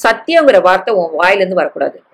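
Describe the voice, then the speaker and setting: A woman reading aloud who voices a betrayed young wife, cutting and sharp, her voice rising. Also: on the low side, very animated, fast talker. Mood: cold fury.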